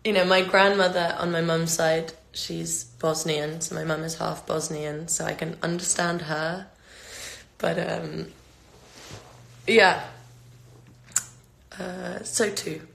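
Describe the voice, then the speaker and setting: A woman in her twenties with a London accent, a singer, casually answers fan questions on a phone livestream from an echoey room. Her voice is on the low side and fairly bright, with little pitch movement, slow pacing and vocal fry. She rambles, full of fillers and restarts.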